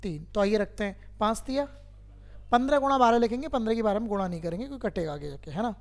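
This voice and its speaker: High-voiced man teaching math. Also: fast. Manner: keeps quizzing students, repeats steps patiently. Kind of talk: classroom math lesson.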